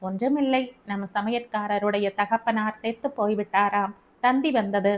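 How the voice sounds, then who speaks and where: A woman as a gentle, patient young wife. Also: mid-range voice, moderate pace, lightly acted. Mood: gentle, pleading. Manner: soft, calm and pleading. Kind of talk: audiobook character reading.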